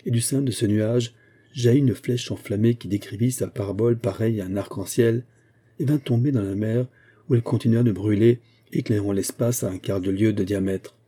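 A male audiobook narrator reads a classic novel in a steady, measured way. His voice is low and very dark, with a husky, slightly rough texture. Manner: measured, even storytelling.

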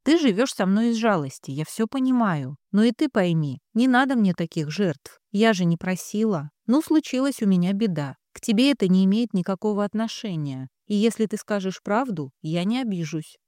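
A woman's voice: medium pitch, animated, moderate pace, few pauses, a little mellow, no room sound, studio quality, close to an everyday voice. A woman voicing a weary, frightened young mother. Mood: reproachful. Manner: tense, reproachful pleading.

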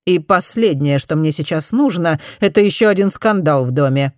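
A woman reading an audiobook, voicing a stern, prim aristocratic mother who speaks slowly and disapprovingly. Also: low voice, expressive, a little mellow, no echo, studio quality.

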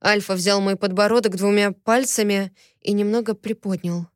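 A woman narrating a first-person audiobook in a steady, expressive reading voice. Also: mid-range voice, moderate pace, no echo, clean studio sound.

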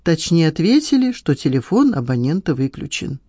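Reader doing a whiny, defensive man in an audiobook, pitched up, lively swings. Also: normal speed, dry recording, studio quality. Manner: aggrieved, defensive, whining. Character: whiny petty middle-aged man, self-pitying. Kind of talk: audiobook dialogue.

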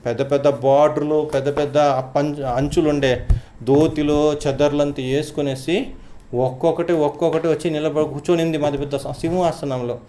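A storyteller retelling a devotional legend in a conversational, lively way. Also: medium pitch, moderate pace, a little hiss or hum.

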